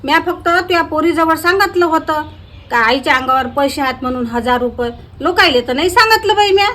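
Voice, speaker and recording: Woman, comedy skit, high pitch, indignant and argumentative, faint noise. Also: lively intonation, brisk, sharp tone. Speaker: comedy sketch actor. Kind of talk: village comedy sketch.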